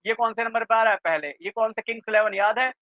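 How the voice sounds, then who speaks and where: A man teaching a reasoning class for exam prep, quizzing students with quick questions and checking often that they follow. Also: high-pitched, sharp tone, no echo. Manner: keeps checking in with students, asking "clear?". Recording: dry, slightly dull lo-fi sound.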